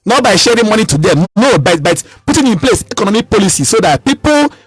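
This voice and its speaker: A Nigerian man in his thirties talks at a rapid clip, pressing his points hard and circling back over his own words. His voice sits high and has a slightly husky grain, recorded close and dry on a radio mic. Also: big pitch swings, dry recording, faint music behind, low-quality recording. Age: 30s. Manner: emphatic, repeats and restarts phrases. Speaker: political candidate. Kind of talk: radio interview.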